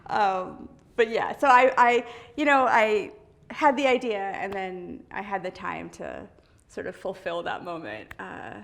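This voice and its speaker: A woman's voice: mid-range voice, lively intonation, a little slow, vocal fry, fairly bright tone. Thoughtful woman artist talking about her studio. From US East Coast. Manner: thoughtful, with many fillers, restarts and light laughs. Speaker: artist being interviewed. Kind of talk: casual interview talk. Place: indoor art studio.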